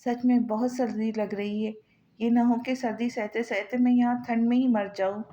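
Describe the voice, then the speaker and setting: A woman's voice: fairly high pitch, level tone, normal speed, mellow, dull audio, lightly acted. A woman voicing a frightened, tearful young wife who pleads and stammers, read in her own voice from a novel. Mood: pleading.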